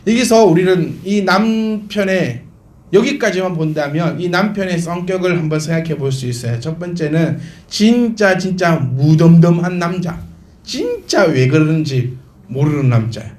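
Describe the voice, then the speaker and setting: A man's voice: fairly high pitch, animated, normal speed, darkish tone. A male pastor preaching a sermon to his congregation, emphatic and full of rhetorical questions. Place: church sanctuary. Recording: roomy church hall echo.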